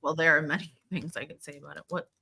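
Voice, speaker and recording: A woman's voice: deep voice, little pitch movement, fast talker, creaky, sharp tone. A woman from Florida co-hosting a podcast, swearing and teasing her friends as she rambles through stories. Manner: crude, teasing, rambling storyteller. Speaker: podcast co-host. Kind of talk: casual banter.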